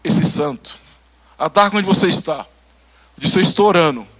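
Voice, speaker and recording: Man, Brazilian accent, pastor, sermon, animated storytelling, bright tense voice. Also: a little high, moderate pace, faint music behind. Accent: Brazilian Portuguese. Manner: animated, acts out dialogue, laughs.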